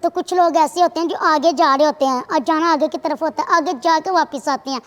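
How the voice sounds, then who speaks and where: High-voiced young woman. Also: fairly even intonation, brisk. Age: 20s. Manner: earnest, chatty storytelling. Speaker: guest. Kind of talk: casual interview talk. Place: TV studio. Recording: long hall reverb.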